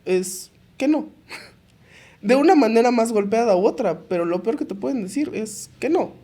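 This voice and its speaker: A young adult woman with a Mexican accent, co-hosting a podcast and giving calm, practical advice in casual chat. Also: a little high, moderate pace. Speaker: podcast co-host.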